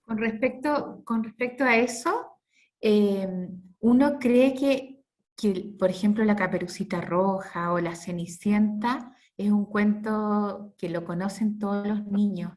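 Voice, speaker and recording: A woman's voice: medium pitch, fairly even intonation, slow pace, darkish tone. A woman, a volunteer storyteller sharing her classroom experience in a training session, hesitant and full of fillers.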